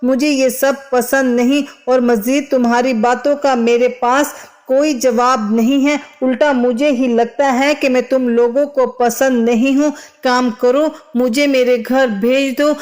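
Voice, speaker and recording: A woman's voice: sits high, steady tone, measured pace, darkish tone. A woman voicing a sulky spoiled bride. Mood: complaining.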